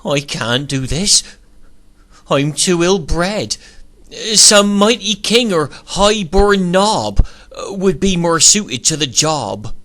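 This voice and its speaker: A man's voice: mid-range voice, slow, pauses often, bright, forceful tone. A man voicing a shy young shepherd in a rhyming storybook, hesitant and trembling, stumbling over his words. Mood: nervous.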